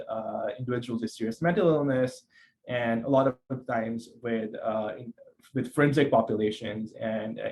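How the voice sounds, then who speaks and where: A man from Pakistan talks as a psychiatrist guest in a relaxed interview, weighing his words with many small restarts. His voice sits in a middle pitch. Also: rough recording. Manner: thoughtful, many restarts and fillers. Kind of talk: conversational interview.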